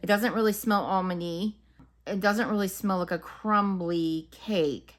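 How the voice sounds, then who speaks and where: In a casual, unscripted product review, a woman who reviews home fragrances chats and muses aloud about wax melts, describing each scent. Her mid-range voice keeps a fairly even intonation and moves a little slowly.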